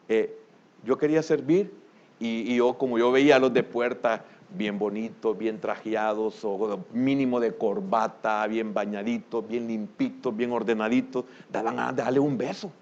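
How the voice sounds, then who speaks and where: An older man preaching a sermon as pastor, with a Salvadoran Spanish accent, who bursts into loud exclamations and then drops to a low murmur. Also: muffled recording, a little hiss or hum.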